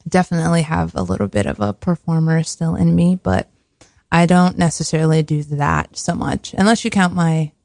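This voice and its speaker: A soft-spoken woman guest chats casually in a fairly low voice with plenty of vocal fry. She feels her way through her thoughts a bit self-consciously, and the sound is close and dry. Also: steady tone, moderate pace, no echo. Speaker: podcast guest. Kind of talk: casual conversational interview.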